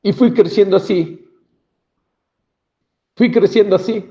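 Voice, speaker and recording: A man's voice: high voice, slow pace. A man giving a personal testimony about his childhood and often acting out the dialogue. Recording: dull lo-fi recording.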